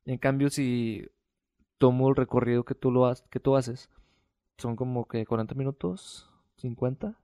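A man's voice: medium pitch, no room sound, studio quality. A man, co-hosting a casual podcast and chiming in easily. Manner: relaxed, quick to chime in. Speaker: podcast co-host. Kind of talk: casual chat.

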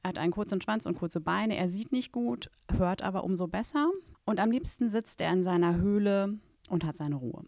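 A woman in casual chat, calmly explaining a children's book series. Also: medium pitch, moderate pace, gravelly, dry recording, studio quality. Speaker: book reviewer.

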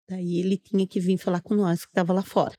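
Her voice is on the low side and mellow, with little pitch movement and a quick pace. This middle-aged woman from Brazil tells her testimony on a podcast, earnestly walking through events step by step and voicing other people's words.

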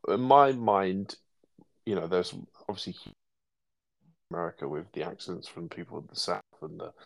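An English man co-hosting a podcast in casual chat, asking questions in a measured way. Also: deep voice, lively intonation, vocal fry. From England. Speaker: podcast co-host.

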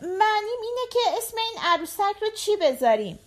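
A woman's voice: very high voice, sing-song, voice pushed up. A woman voicing a small, talkative little girl who keeps asking questions in a short-story audiobook. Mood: curious. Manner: chatty, questioning, quick. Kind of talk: audiobook character voice.

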